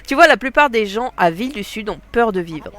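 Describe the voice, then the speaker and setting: A woman's voice: a little high, lively intonation, a little fast, a bit bright. A woman with a stuffy nose voicing an upbeat, encouraging female game villager, reading the lines aloud.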